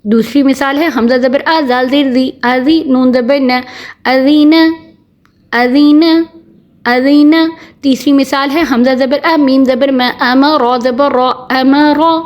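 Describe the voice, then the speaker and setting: High-voiced patient Quran teacher woman. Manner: patient, repeats examples slowly and often checks with "theek hai". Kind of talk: step-by-step recitation lesson.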